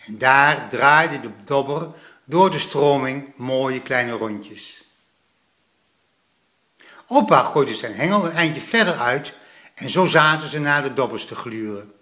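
A man reading a children's story aloud in a lively, animated way. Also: medium pitch, takes it slowly, reverberant.

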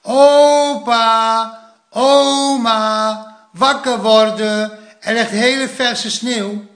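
A man voicing an eager, excited young gnome boy who shouts in a high voice. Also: normal speed, creaky, reverberant, exaggerated voice.

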